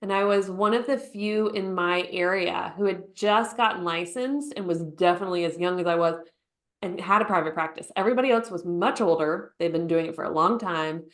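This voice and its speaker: A woman, a therapist who is a podcast guest, telling her story in a lively way and playfully acting out remembered lines. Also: lowish voice, a little fast. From United States. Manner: lively storyteller who acts out quotes with laughter. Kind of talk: conversational storytelling interview.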